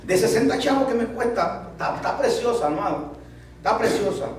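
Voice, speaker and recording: A man's voice: very high-pitched, animated, brisk, slight background noise. A male pastor preaching a sermon, telling a story with laughs and asides to the congregation. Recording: echoey church hall, distant mic.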